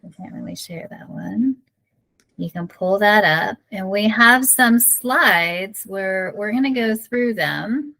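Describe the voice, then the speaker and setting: A woman's voice: mid-range voice, slow pace, vocal fry, sharp tone, poor audio. A woman with a mid-range voice co-hosts an online session. She lays out the next steps plainly and encourages people to join in. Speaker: session co-host. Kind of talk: casual online presentation.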